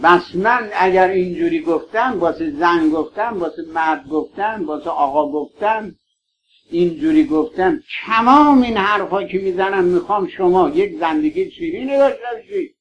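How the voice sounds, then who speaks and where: High-voiced pleading male preacher, lo-fi. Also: animated, slight background noise. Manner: pleading, affectionate appeals to listeners. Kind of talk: mourning sermon. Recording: dull lo-fi recording.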